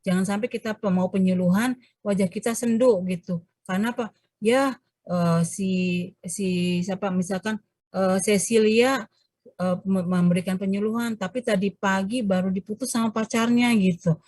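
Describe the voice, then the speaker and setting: A woman's voice: moderate pace, no room sound. Woman lecturing over a video call. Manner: explanatory, frequent hesitations and self-corrections; animated, shifts pitch to demonstrate examples. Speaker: university lecturer. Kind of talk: online class lecture.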